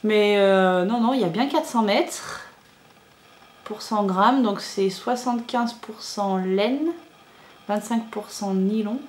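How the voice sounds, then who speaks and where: A woman's voice: medium pitch, slow pace. Chatty woman with a rambling, filler-laden talk. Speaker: knitting podcaster. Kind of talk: casual chat showing yarn to camera. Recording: echoey room with faint ambient noise.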